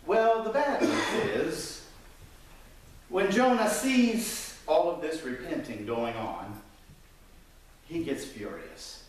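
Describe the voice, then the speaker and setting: A man in his fifties preaching a sermon from a church pulpit, gesturing and swinging his voice high and low. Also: slow, long pauses, a little hiss or hum. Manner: animated, gesturing preacher with wide swings in pitch. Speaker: pastor. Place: church sanctuary. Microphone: pulpit mic, filmed from the pews. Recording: echoey church from a distance.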